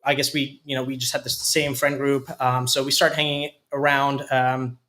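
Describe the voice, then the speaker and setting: A man in his twenties, originally from Hungary, telling his story as a guest in a studio interview with frequent pauses and restarts. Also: medium pitch, flat delivery, sharp tone. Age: 20s. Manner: hesitant, many fillers and restarts. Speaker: company COO, guest. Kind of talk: casual interview talk.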